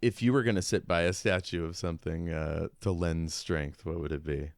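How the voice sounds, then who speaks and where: As a podcast co-host, this man discusses a book casually and reflectively, in a conversational tone. His voice sits low with fairly even intonation and a moderate pace, recorded in clean studio sound with no room sound.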